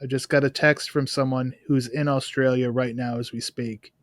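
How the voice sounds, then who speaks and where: A man hosting a podcast, retelling a film's plot in a lively way with quick asides. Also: medium pitch, dry recording, clean studio sound. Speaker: podcast host. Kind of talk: casual film-review chat.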